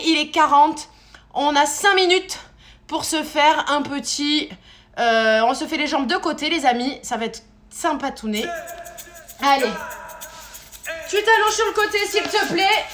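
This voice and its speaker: High-voiced woman coaching a workout. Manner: chatty, joking, exclaiming mid-exercise. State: out of breath, straining. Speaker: fitness instructor. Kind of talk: live workout class coaching. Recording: echoey room with loud music.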